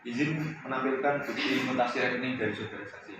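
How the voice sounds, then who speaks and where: A man's voice: mid-range voice, fairly even intonation, fast, muffled recording, close to an everyday voice. A man playing a defense lawyer in a mock trial, asking formal, polite questions. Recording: echoey room, distant mic, noisy.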